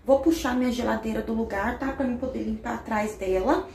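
A woman in her thirties chats with her viewers while cleaning a small home kitchen, filming on a handheld phone and often checking in with "okay?" and "tá?". Her voice is a little high, brisk and darkish, with vocal fry, and she uses lots of diminutives. There's slight background noise.

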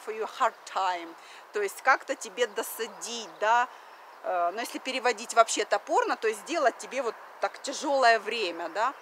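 Her voice sits a little high with a fairly bright tone. She's a thirtysomething Russian vlogger outdoors on a wooden deck beside a river, casually addressing her arm's-length phone camera with plenty of fillers and bits of English, and the phone recording picks up faint background noise.

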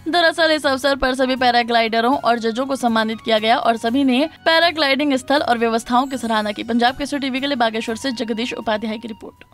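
A woman reading a scripted Hindi news report as voice-over narrator in a formal, even tone. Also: on the high side, fairly quick, few pauses. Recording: voice-over with faint music behind.

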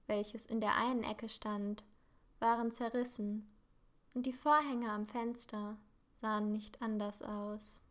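A woman reads fan fiction aloud at an unhurried pace. Her voice sits a little high, and she narrates in a calm, even way.

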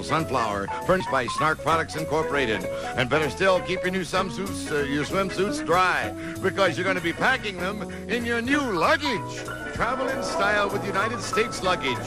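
A male game show announcer runs through the prizes in polished, enthusiastic ad copy, his voice a touch higher than most men's. Loud music plays under him the whole time. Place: TV studio.

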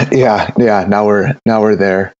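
A man's voice: fairly low pitch, takes it slowly, no room sound, muffled recording. A man talking casually as a brewer guest on an interview podcast, rambling with many repeated words and fillers.

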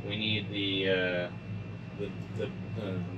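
Out on open water, a man skippering a sailboat for his vlog talks in a deep, level voice, slowly and casually explaining each step. The audio is dull and very noisy, with music running beneath his voice.

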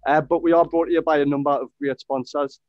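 Speaking from a room decorated with fight posters, a young man hosts a casual podcast interview by video call, chatty and upbeat with frequent uses of "brilliant." His voice sits on the high side, steady and quick, captured on a headset in a muffled recording with no echo.

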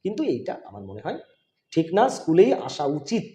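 A man's voice: on the high side, wildly swooping pitch, fairly quick, warm tone. A middle-aged man, a school headmaster, answering interview questions in an emphatic, insistent way. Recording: roomy, echoey room.

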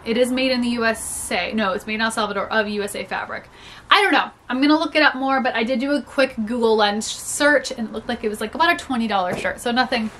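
A young adult reseller vlogger, slightly congested from a cold, displays her thrift haul in a small indoor home room filled with storage bins. She is chatty and upbeat, with lots of "like" and laughter. Her voice is on the high side and a bit bright, with a little hiss or hum.

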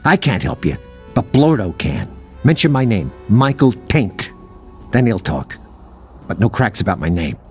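A man's voice: on the low side, big pitch swings, a little slow, soft background music. A man voicing a nervous, chatty male alien townsperson who hems and hesitates, in video game dialogue.

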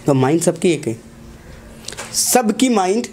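A man's voice: sits high, sing-song, measured pace, darkish tone, a little hiss or hum. A young man, a teacher giving a motivational talk to students in a classroom, asking the class short questions and repeating key lines.

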